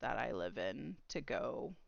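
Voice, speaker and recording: Gravelly lady rambling on a chill podcast, dull lo-fi sound. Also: a bass voice, big pitch swings, a little slow, dry recording. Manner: rambling, trails off into filler. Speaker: podcast co-host. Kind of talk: casual chat.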